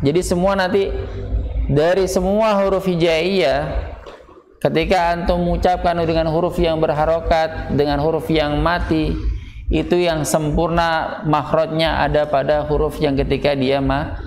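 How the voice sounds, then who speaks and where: A man's voice: on the high side, level tone, unhurried, darkish tone, a little hiss or hum. A man teaching Quranic recitation in a small prayer room, patiently drilling syllables and having students repeat after him. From Indonesia. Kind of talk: tajwid lesson with call-and-repeat drills. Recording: echoey room with long reverb.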